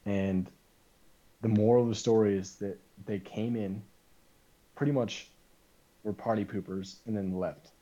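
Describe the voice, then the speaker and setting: A man as a podcast guest, telling a story casually, animated and full of "like" and quoted back-and-forth. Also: fairly low pitch, measured pace, long pauses, dull audio.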